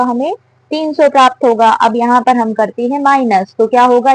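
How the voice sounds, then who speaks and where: Woman, maths teacher, patient step-by-step explaining, high-ish voice, dry recording. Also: no echo, poor audio. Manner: asks and answers her own questions.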